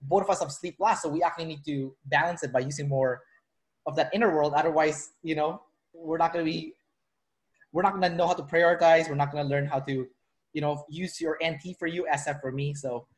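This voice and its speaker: A Filipino man who works as a personality trainer hosts a casual interview over video call, speaking in loose, rambling sentences full of fillers and restarts. His voice is a little high and steady, and he talks a little fast.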